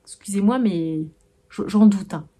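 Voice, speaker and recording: A woman's voice: mid-range voice, a little slow, dark tone. Hesitant woman chatting about her books. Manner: hesitant, full of "euh" and restarts, musing aloud. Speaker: book vlogger. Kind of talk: casual chat about received books.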